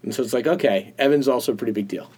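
A man's voice: mid-range voice, racing, a little mellow, slight background noise. A man co-hosting a podcast, chatting casually, rambling through stories and laughing often. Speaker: podcast co-host. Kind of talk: casual chat.

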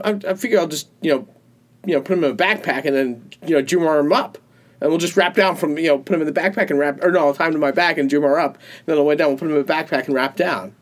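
A man co-hosting a podcast, chatting casually, rambling through stories and laughing often. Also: mid-range voice. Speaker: podcast co-host. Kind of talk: casual chat.

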